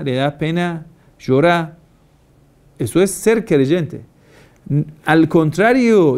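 A man's voice: on the high side, darkish tone, clean tone. A male cleric gives a religious lecture, stressing his points with repeated phrases and rhetorical questions. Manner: asks many rhetorical questions. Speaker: Shia cleric.

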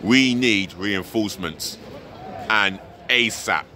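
Standing outdoors in a city plaza beside a large stadium, a middle-aged football fan vlogger holds his camera at arm's length and vents before a match. His voice is fairly low and sharp, and he speaks slowly, frank and exasperated about his team.

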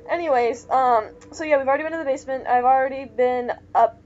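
A woman's voice: sits high, fast, a little mellow, lo-fi sound, a little hiss or hum. A young woman hosting a let's play, chatting casually and exclaiming in alarm at the game. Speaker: let's play host, player. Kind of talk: casual gaming commentary.

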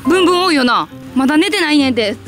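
A woman with a Kansai accent talks in a fairly high voice, chatty and jokey as she hunts bugs outdoors. She gets excitable and lets out frightened shrieks. Background music plays under the outdoor recording. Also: racing. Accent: Kansai Japanese. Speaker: vlogger. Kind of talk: casual outdoor bug-hunting vlog.

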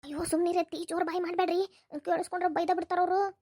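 A woman's voice: very high-pitched, level tone, very fast, mellow, no room sound. A woman voicing a timid cartoon daughter-in-law. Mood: hesitant. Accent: North Karnataka Kannada. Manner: hesitant, pleading.

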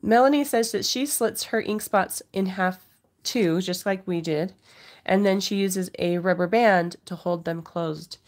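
Her voice sits at medium pitch and moves at a measured pace. A middle-aged woman with a cold and an occasional cough, she's hosting a casual craft demonstration for viewers indoors at a home craft table.

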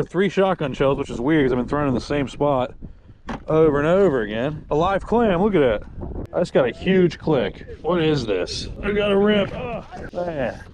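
Young male vlogger, lively swooping voice, casual excited commentary, wind roaring on a body cam outdoors. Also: sits high. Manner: excited, says dude and bro a lot, thinks aloud. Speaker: magnet fishing channel host. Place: outdoors on a bridge over a river in strong wind. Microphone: first-person body-worn action camera. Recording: wind noise on an outdoor action camera. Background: wind noise.

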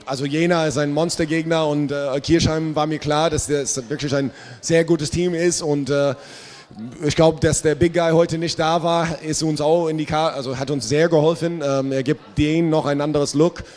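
A man's voice: fairly high pitch, steady tone, normal speed, a little mellow. A basketball coach, a man, talking candidly after a game, with fillers, into a handheld mic. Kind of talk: postgame press talk. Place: stage in a large dark hall. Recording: long hall reverb.

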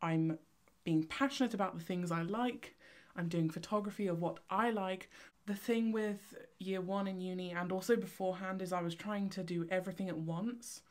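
This Cornish young woman, who studies photography and vlogs, talks straight to her tripod camera in a lowish voice. Her casual chat is quick, scattered and excitable, in Cornish English.

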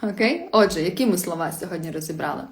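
A woman's voice: fairly low pitch, fast. A woman teaching a casual live-stream language lesson, chatty and laughing often as she reads out viewer comments. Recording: roomy echoey room.

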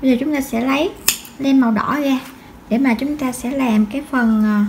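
A woman's voice: high-pitched, steady tone, normal speed, darkish tone, a little hiss or hum. A woman giving patient step-by-step crochet instruction, counting stitches aloud. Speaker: crochet tutorial host.

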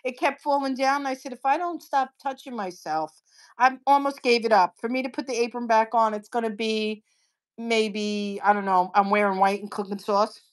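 A woman's voice: a little high, moderate pace. Chatty, blunt woman on a phone live. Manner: chatty, blunt, laughs easily. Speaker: cooking channel host. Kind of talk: casual live-stream chat. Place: living room at home. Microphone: phone held at arm's length.

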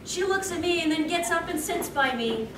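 Her voice is extremely high with lively intonation and a moderate pace as she reads fan fiction aloud on a convention panel stage, a young adult co-host hamming it up with wry, theatrical asides and self-interruptions. The far-off camera recording is echoey and noisy.

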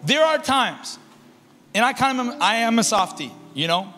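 With a sing-song delivery at normal speed, a young youth pastor gives an energetic sermon on a large concert hall stage, walking and gesturing with a handheld mic. He alternates between shouting for emphasis and dropping into soft asides, in a reverberant hall with faint music behind him.

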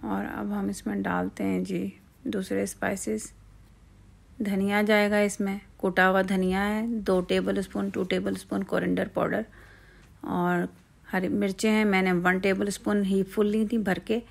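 A woman's voice: mid-range voice, little pitch movement, unhurried, gravelly. A woman hosting a home cooking channel, explaining each step in a chatty, casual way with frequent fillers, cooking outdoors at night.

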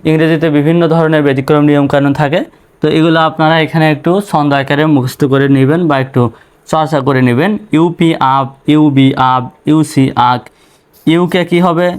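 A man with a Bangladeshi accent teaching English phonics, spelling out letters and then sounding each word in slow, patient drills. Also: on the high side, steady tone, clean tone.

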